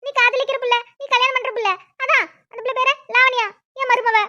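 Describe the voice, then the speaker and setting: A woman's voice: extremely high pitch, flat delivery, quick pace, bright, forceful tone, muffled recording. A woman voicing a worried, tearful village mother, in a cartoon. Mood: fretful. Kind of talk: cartoon voice acting.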